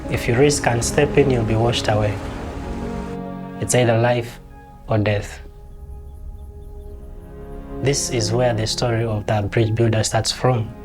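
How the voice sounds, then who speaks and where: Man speaking in measured statements over music. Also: mid-range voice, fairly even intonation. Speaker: documentary interviewee. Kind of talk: documentary interview.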